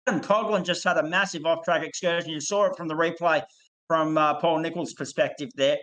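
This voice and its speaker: Man, lead race caller, enthusiastic, florid, fairly high voice. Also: fairly even intonation, brisk, fairly bright tone, low-quality recording. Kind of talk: live race commentary.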